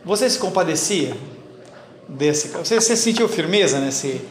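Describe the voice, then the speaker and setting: A man's voice: on the high side, lively intonation, normal speed. A man, a pastor teaching a Bible class in a blunt, teasing way and calling on listeners by name. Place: church hall. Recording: roomy church echo, faint noise.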